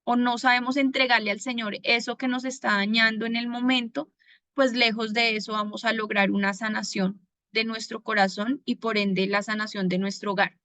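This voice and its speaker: A woman from Bogotá with a Colombian accent, giving a personal faith testimony in an earnest manner, pausing often to gather her words. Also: a little high, steady tone, sharp tone, no echo. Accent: Bogotá Colombian Spanish. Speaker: testimony giver.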